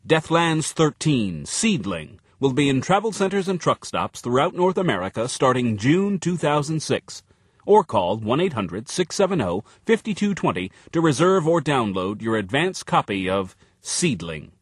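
A man's voice: mid-range voice, sing-song, moderate pace, husky, no room sound, clean studio sound. A man reading a scripted promotional announcement as an ad announcer. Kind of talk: scripted ad read with ordering details.

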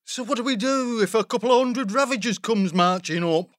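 A man voicing a big, worried male hedgehog guard who talks in a rough country way. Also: high voice, brisk, a bit bright, no room sound, studio quality, pitched above the performer's own voice.

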